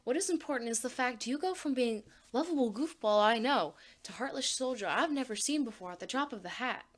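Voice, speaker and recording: A woman's voice: a little high, lively intonation, brisk, pitched above the performer's own voice. Woman voicing an exasperated swearing teen girl. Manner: blunt, swearing, incredulous. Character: exasperated outspoken teenage girl. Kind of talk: fan fiction reading.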